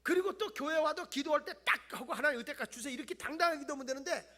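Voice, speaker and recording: A middle-aged male pastor giving an animated Friday night sermon in a church, acting out whiny voices and shouting. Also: very high voice, racing. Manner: animated, acts out voices of people he tells about, mock-whines and shouts. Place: church sanctuary.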